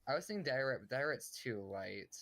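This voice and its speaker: A male streamer in casual gaming chat, relaxed and hesitant, often repeating words. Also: medium pitch, fairly quick, gravelly, dry recording.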